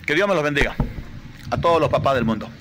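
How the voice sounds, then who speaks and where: A man's voice: a little high, expressive, fast, background noise. A man reciting a rhymed poem in a declaiming, emotional manner.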